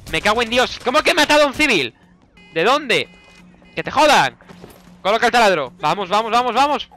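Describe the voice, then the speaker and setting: A young man with a Spanish accent from Spain, giving let's play commentary, excitable and shouting orders at his teammates while swearing constantly. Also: very high-pitched, quick pace, faint music behind. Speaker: gaming YouTuber.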